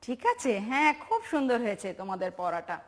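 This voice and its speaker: A woman's voice: on the high side, very animated, quick pace. A woman teaching a televised preschool lesson, patient and sing-song, asking questions and praising the children. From Bangladesh.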